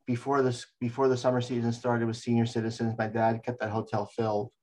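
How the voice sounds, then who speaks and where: A man's voice: mid-range voice, monotone, a little fast, darkish tone. An older man recalls his memories in an oral history interview. He rambles from one anecdote to the next and often restarts his sentences. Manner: rambling storyteller, frequent restarts.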